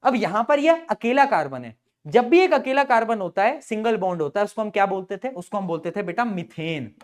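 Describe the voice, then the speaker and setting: A man's voice: high-pitched, expressive, brisk. A young adult man teaching chemistry in a playful, chatty way, joking with his students. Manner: playful, chatty, calls students beta and bhai. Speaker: chemistry tutor. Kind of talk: chalkboard-style lesson explanation.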